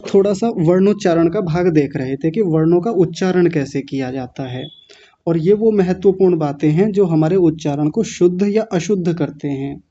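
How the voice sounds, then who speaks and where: A male teacher with a high but very dark, mellow voice guides an online class at a slow, deliberate pace. He breaks long words into pieces and repeats them patiently, correcting learners. The sound is a little dull and muffled. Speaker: Sanskrit pronunciation teacher.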